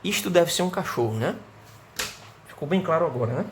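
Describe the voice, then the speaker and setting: A Brazilian man teaching an English grammar lesson online. He explains patiently, keeps asking "né?" and "certo?", and slows down to model the English sentences. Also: on the high side, animated, a little hiss or hum. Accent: Brazilian Portuguese.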